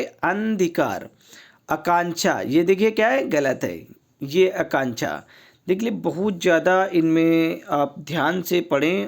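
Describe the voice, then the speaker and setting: A man's voice: a little high, vocal fry. A man tutoring Hindi spelling for an exam, repeating each wrong and right form in a patient, drilling way. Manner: repetitive teacher, keeps saying "ठीक है" and contrasting wrong and right forms. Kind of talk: exam-prep lesson on spelling.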